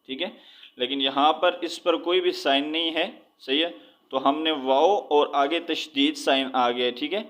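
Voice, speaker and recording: Male Quran teacher, slightly raised voice, patient, drawn-out spelling of letters. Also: on the high side, steady tone, fairly bright tone. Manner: drawn-out recitation of words, explaining with repeated checks. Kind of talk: slow spelled-out recitation lesson.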